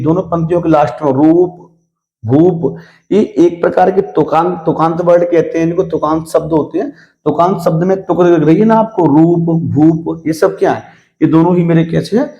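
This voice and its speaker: Addressing students as "beta" and checking with a frequent "theek hai," a man teaches grammar in a classroom setting, his voice fairly high but mellow, the highs cut off. He asks questions and answers them himself, often pausing, and recites verse slowly and deliberately.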